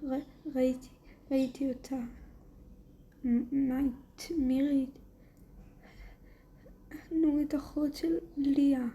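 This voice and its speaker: A woman's voice: high-pitched, flat delivery, pauses often, warm tone. Woman whispering as a scared, stammering teen girl. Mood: frightened. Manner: shaky, stammering, pleading. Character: frightened bullied teenage girl, tearful. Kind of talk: whispered role-play.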